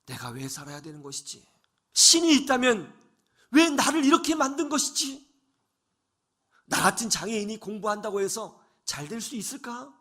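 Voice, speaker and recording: A man's voice: sits high, very animated, normal speed, pushed and bright, voice pushed up, exaggerated voice. A man voicing a despairing young man crying out to God in prayer. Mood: anguished. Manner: anguished, pleading.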